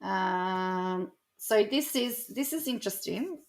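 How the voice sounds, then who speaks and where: An Australian woman hosts a casual commentary vlog and talks through online posts as she finds them. She is conversational and thinks aloud, with a voice of ordinary middle pitch. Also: lively intonation, slow. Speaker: commentary vlogger.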